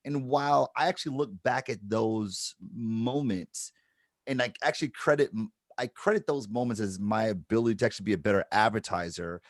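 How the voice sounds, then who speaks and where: A man's voice: fairly low pitch, a little fast, no echo. Reflective man, dry close sound. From Detroit, Michigan. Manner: reflective, explains with repeated "right?". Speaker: panelist, advertiser. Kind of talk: panel discussion.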